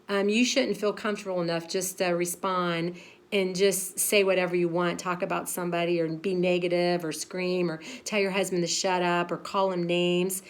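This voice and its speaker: Pastor's wife in her 50s, talks frank and casual, laughs at herself a lot. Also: fairly low pitch. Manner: chatty, frank, laughs at herself, many fillers. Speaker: pastor's wife giving a devotional. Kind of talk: casual devotional talk.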